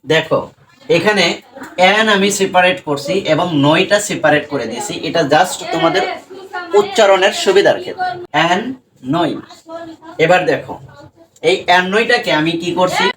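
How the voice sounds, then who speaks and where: A teacher with a Bengali accent giving a pronunciation lesson, asking questions and answering them himself, repeating words slowly. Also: mid-range voice, expressive, a crowd in the background. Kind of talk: classroom-style lesson to students.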